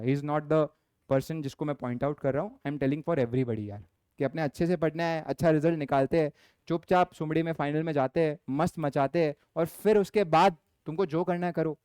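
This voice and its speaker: A young male lecturer, his voice smooth and clear and pitched a little high. He mixes Hindi and as he teaches, talking firmly to the class and slowing down to read exam questions. The sound is dry and close, with no room echo. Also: darkish tone. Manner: Hindi-English mix, firm scolding, reads questions aloud slowly. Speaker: commerce lecturer.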